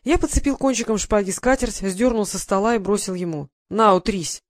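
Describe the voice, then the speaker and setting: A man reading a first-person historical story aloud in an even storytelling manner. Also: high voice, a little fast, no echo, clean studio sound. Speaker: audiobook narrator. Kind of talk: first-person scripted narration.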